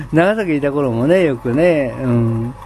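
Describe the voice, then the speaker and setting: A man's voice: on the high side, lively intonation, slow, dark tone, slight background noise. A man chatting on his own in standard Japanese, enthusiastic, with many fillers and frequent laughs. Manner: enthusiastic storytelling. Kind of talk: casual solo chat.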